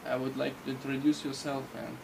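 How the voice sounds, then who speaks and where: A young man with Russian as his first language asks questions in plain, halting phrases, with plenty of restarts. His voice is mid-pitched. Loud outdoor noise from the camera recording on a porch all but covers him. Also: little pitch movement, creaky, recorded from a distance. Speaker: interviewer and vlog host. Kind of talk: casual interview. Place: outdoor porch in a tropical garden.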